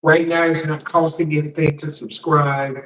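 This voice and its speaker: A man hosting a live political news stream as a shock jock, talking casually to viewers in a halting way and repeating words. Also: on the high side, flat delivery, a bit bright. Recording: roomy echo, distant microphone.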